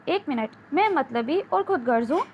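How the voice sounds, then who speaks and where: A woman's voice: sits high, lively intonation. A woman reading the part of a stern, defensive businessman husband in an audiobook novel, with a curt, lecturing delivery. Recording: dull lo-fi with faint hiss.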